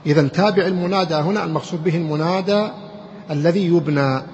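A man giving a grammar lesson. He explains slowly and keeps quizzing his students with questions. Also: fairly high pitch, a little mellow, slight background noise. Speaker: grammar teacher. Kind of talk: classroom lecture. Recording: muffled recording in a reverberant hall.

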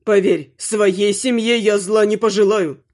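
Woman playing a scheming son-in-law, forceful, lowered voice, audiobook character. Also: fairly even intonation, a little slow, lightly acted. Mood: smooth. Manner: barking, forceful outbursts.

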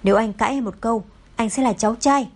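A fretful young husband who dotes on his wife, read in a woman's breathy, slightly high voice. He sounds worried and quick to please. Audiobook storytelling. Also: a little mellow. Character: anxious doting young husband.

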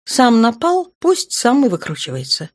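A woman voicing a spirited grown woman commander and caring mother, with a lively, brisk delivery in an audiobook. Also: fairly high pitch, voice pushed up. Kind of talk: audiobook character voice.

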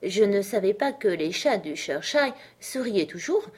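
A woman's voice: medium pitch, sing-song, unhurried, a little mellow, breathy edge. A woman voicing a polite, timid young girl in a storybook reading, earnest and a little anxious.

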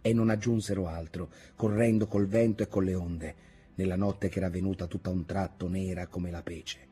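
Husky male novel narrator. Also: deep voice, fairly even intonation, normal speed, dark tone, faint music behind. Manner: dramatic reading. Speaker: audiobook reader. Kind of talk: scripted narration of a classic novel.

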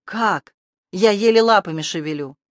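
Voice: medium pitch, moderate pace, no room sound, close to an everyday voice. An audiobook narrator voicing a sarcastic, scruffy male talking rat with a mocking, needling manner. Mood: complaining. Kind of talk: audiobook character voice.

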